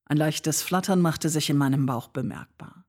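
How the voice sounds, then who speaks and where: A woman narrating a first-person story as an audiobook, measured and expressive. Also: low-pitched.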